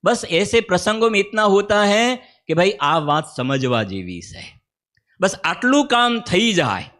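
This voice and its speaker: A man's voice: high voice, big pitch swings, takes it slowly, fairly bright tone. A man with a Gujarati accent giving a spiritual discourse, conversational, often asking his listeners questions. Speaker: Jain preacher. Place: teaching camp hall.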